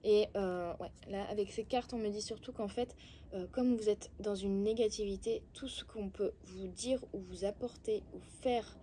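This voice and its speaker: A woman's voice: mid-range voice, moderate pace, dark tone, a little hiss or hum. Belgian woman giving frank card guidance. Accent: Belgian French. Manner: talks straight to viewers, coaxing and blunt, with frequent hesitations. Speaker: oracle card reader. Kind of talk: casual spiritual card-reading guidance.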